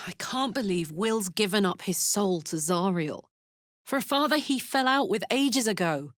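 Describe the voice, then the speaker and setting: These are video game voice lines from an actress whose medium-pitched voice, close to an everyday one, has lively intonation and a measured pace, recorded dry in a clean studio. Her character is a young female warrior, brash and big-hearted, blunt and swaggering, tough yet playful and open with her feelings. The mood is heartfelt and somber.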